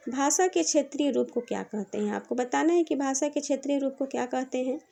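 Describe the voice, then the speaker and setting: High-voiced woman teaching a lesson. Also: fairly quick, vocal fry, dark tone. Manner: reads each question twice, then explains the answer; patient, repetitive teaching. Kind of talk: exam-prep lesson.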